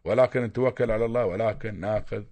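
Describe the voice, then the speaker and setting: A man's voice: on the low side, fast, a little mellow. A man with an Emirati accent calling in to a radio show, giving insistent, lecturing advice and repeating his points. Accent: Emirati Arabic. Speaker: caller.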